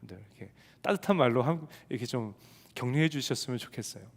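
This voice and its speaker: Animated male preacher in an echoing hall. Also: mid-range voice, fast, gravelly. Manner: animated storytelling, asks the congregation questions. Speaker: pastor of a young adults ministry. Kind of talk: sermon with a personal story. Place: church sanctuary. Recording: reverberant church hall.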